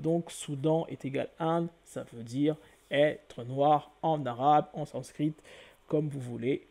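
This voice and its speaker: A man's voice: a little high, creaky, mellow. A man giving an explanatory video lecture, laying out points step by step and often checking in with the listener. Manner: methodical, repeats points with "hein" and "donc". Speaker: video lecturer on word origins.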